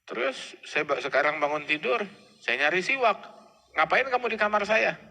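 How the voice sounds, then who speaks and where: A man's voice: sits high, animated, normal speed, gravelly, bright, forceful tone, big-room sound, pitched above the performer's own voice, heavily acted. A preacher doing a bewildered dead man. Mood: puzzled. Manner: puzzled, innocent talk.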